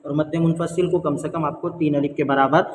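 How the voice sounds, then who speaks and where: A man teaching the rules of Quran reading, explaining step by step, asking and answering his own questions, and chanting the verses slowly. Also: a little high, steady tone, roomy sound, long reverb tail, a little hiss or hum.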